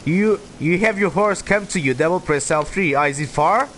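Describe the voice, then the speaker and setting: A man's voice: high-pitched, normal speed, a bit bright. A man giving casual, chatty gameplay commentary as a streamer, with a playful manner. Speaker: game streamer. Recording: clear background game noise. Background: game ambience.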